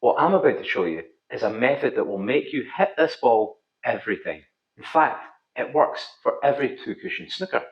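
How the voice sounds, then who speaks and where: A man's voice: medium pitch, lively intonation, fairly quick. A middle-aged man with a thick Scottish accent, giving scripted instructional narration as a pool coach and video host. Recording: slightly dull, roomy echo.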